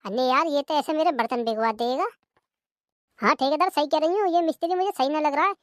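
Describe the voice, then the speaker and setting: Brief: woman doing a complaining older cartoon mother-in-law, high-pitched, dry studio read. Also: fairly quick, dry recording, lightly acted. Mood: lamenting. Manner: complaining, sighing lament. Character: grumbling old mother-in-law, fed up with her daughter-in-law. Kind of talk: cartoon comedy dub.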